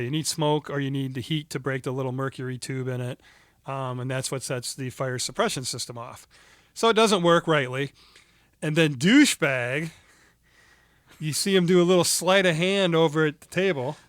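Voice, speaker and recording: A man's voice: mid-range voice, brisk, dry recording, clean studio sound. A man co-hosting a podcast, chatting casually about a film, retelling the plot with asides and laughs. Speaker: podcast co-host.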